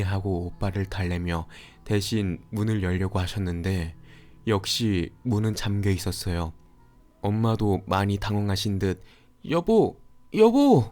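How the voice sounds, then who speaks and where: A man calmly narrating a scary story for a horror radio show. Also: sits low. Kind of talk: scripted horror story reading.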